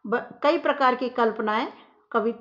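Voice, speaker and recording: A woman's voice: fairly high pitch, a little slow, a bit bright. A woman teacher explaining a poem in a patient classroom manner, often checking that the children follow. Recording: dull lo-fi recording.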